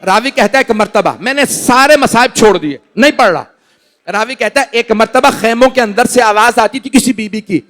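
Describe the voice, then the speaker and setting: A male cleric with a Pakistani Urdu accent gives a Muharram mourning sermon in a large indoor hall, reciting tragic episodes in a slow, lamenting way. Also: very high-pitched, fairly bright tone.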